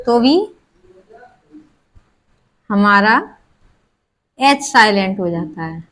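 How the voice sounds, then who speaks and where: A woman's voice: medium pitch, animated, extremely slow, fairly bright tone. A woman teaching English pronunciation rules, asking herself questions and answering them, spelling words out letter by letter.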